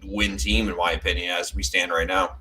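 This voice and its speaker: A man's voice: low voice, flat delivery, brisk, a crowd in the background. A man co-hosting a sports podcast, talking bluntly and crudely in casual chat. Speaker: podcast co-host.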